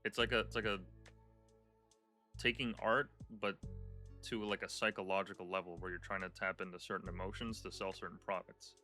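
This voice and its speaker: A man's voice: low-pitched, little pitch movement, fairly quick, sharp tone, soft background music. A man hosting a casual podcast interview, asking curious, laid-back questions. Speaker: podcast host.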